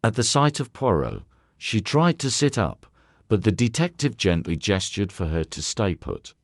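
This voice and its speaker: A man narrating a detective story in an expressive storytelling manner. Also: lowish voice, moderate pace, no echo, clean studio sound. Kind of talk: scripted audiobook narration.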